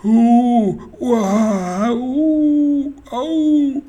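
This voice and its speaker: A man voicing a timid young boy in a storybook reading, with a high, stuttering, whimpering voice. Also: expressive, moderate pace, a little mellow, husky. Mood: wailing. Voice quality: high, wailing.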